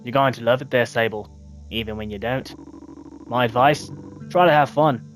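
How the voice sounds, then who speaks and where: A gentle, wistful clan elder gives soft advice, as a man reads the part. The voice sits at a middling pitch and sounds close to the reader's own. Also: normal speed, soft background music, close to an everyday voice, low-quality recording. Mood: encouraging.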